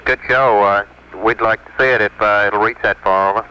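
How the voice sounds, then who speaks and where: A man's voice: lowish voice, fairly even intonation, a little fast. An American man at mission control, speaking in clipped radio procedure over a space radio link. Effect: space radio transmission. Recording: noisy, dull 1960s space radio with clicks.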